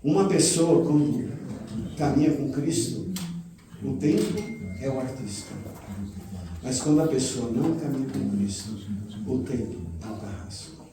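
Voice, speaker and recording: A man preaching a sermon as a pastor, telling a story with acted-out dialogue and dropping to a hush at the key lines. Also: medium pitch, measured pace, pauses often. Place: church retreat hall. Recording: echoey hall, mic at a distance, faint noise.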